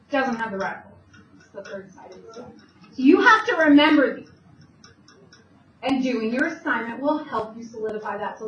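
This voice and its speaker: High-voiced woman teaching math in an echoey room. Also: fairly bright tone. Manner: explains step by step, asks questions and answers them herself. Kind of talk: recorded classroom math lesson. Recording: distant, dull, echoey room with faint noise.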